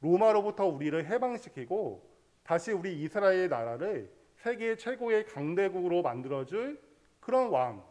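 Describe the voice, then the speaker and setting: A man's voice: high voice, very animated, moderate pace, a little mellow. A man preaching a sermon, explaining a Bible passage step by step and leading the congregation in reading scripture aloud. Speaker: pastor.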